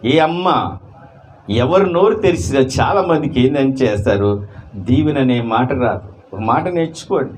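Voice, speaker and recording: A male pastor preaching a sermon, with many rhetorical questions and swings between loud emphasis and quiet asides. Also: mid-range voice, expressive, measured pace, a little hiss or hum.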